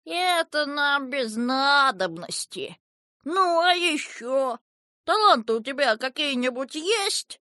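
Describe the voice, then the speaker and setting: A woman voicing a quick-tempered old male river king who grumbles and shouts, as an audiobook character. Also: sits high, big pitch swings, no room sound, clean studio sound, voice pushed up, heavily acted. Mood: gruff. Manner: gruff, grumbling, shouting when angry.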